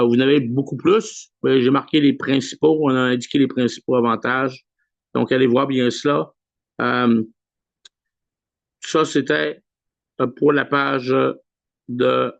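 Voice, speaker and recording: A man with a Québécois French accent hosts a weekly video call, addressing it live in a relaxed, casual way full of pauses and filler sounds. His voice is mid-range and gravelly. The computer mic gives dry, dull, lo-fi audio.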